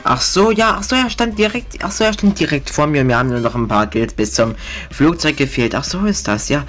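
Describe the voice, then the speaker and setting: A mid-pitched gamer with a lively, swinging intonation. The talk is casual, sarcastic and foul-mouthed griping about the match, with faint music behind it. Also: a little fast. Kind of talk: gaming commentary, casual chat with a friend.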